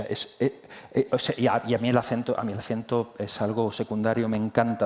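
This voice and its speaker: A man's voice: medium pitch, a little mellow. A man preaching a sermon in a church, talking conversationally and often restarting his phrases. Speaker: pastor. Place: church hall.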